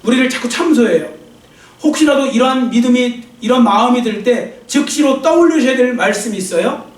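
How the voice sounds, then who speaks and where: A man's voice: extremely high pitch, animated, a little fast. A male pastor preaching an earnest, exhorting sermon and leading a prayer in a church. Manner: earnest, exhorting, leads call-and-response. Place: church sanctuary. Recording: echoey church sound from a distant mic.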